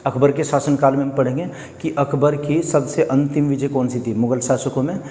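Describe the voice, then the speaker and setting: A man's voice: mid-range voice, fairly even intonation, normal speed, dark tone, reverberant, in a large hall, a little hiss or hum. A man teaching a history lesson for exam preparation, who keeps asking questions and answering them himself. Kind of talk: exam-prep lecture. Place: coaching classroom.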